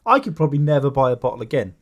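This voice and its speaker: A man's voice: medium pitch, sing-song, racing, highs cut off. A man co-hosting a podcast in casual chat, teasing and stubborn. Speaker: podcast co-host.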